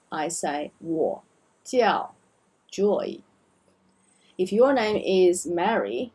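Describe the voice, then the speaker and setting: A middle-aged woman teaching a beginner language lesson, explaining slowly and drilling words over and over. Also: lowish voice, a little mellow, husky, poor audio. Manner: slow, careful explanations with repeated drills.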